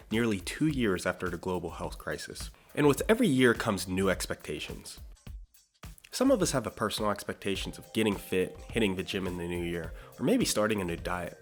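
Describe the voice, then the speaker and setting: A young man with a very low, deep voice narrates a scripted economics explainer as the channel's host. He is from Pittsburgh, Pennsylvania, and talks with energy and a dry, mildly sarcastic edge. Soft music plays quietly underneath. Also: sing-song, fairly quick.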